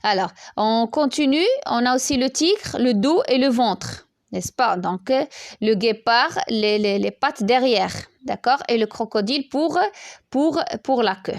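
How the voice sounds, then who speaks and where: Woman teacher, kinda high voice, lots of um and repeats, keeps asking "ok?", dry sound. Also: animated, a little slow, gravelly, no echo. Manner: hesitant, many repeated words and fillers; checks in with "d'accord?" often. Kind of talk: online lesson.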